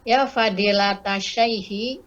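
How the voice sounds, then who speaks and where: A woman student reading Arabic dialogue lines aloud slowly and hesitantly. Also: medium pitch, steady tone, fairly bright tone, highs cut off.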